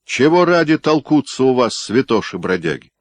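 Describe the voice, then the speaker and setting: A man's voice: fairly low pitch, lively intonation, takes it slowly, no room sound. Man reading as a stern, wrathful old tsar. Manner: raised, forceful, commanding delivery. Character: stern, imperious aging male tsar, quick to rage.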